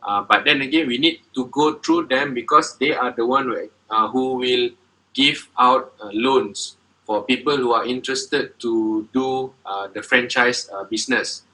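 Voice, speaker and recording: A man explains his business plans in a bright, forward voice. He pauses often and fills the gaps with "uh" and "um.". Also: medium pitch, poor audio. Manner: hesitant, many filler sounds, halting phrasing. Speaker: coffee business owner presenting. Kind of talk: presentation and Q&A answers.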